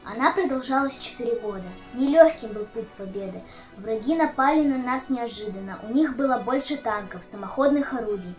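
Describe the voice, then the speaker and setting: A woman's voice: fairly high pitch, animated, fairly quick, a little mellow, poor audio. A female school radio host reading a scripted commemorative narration as an earnest recitation. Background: music.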